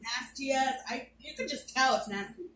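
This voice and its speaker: A woman's voice: high-pitched, normal speed, pushed and bright. A young woman co-hosting a casual family chat at home, laughing often and joking back and forth. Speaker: co-host, the host's daughter. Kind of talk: casual family chat, mock tough-girl slang. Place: home, indoors. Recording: echoey room, far from mic, faint hiss.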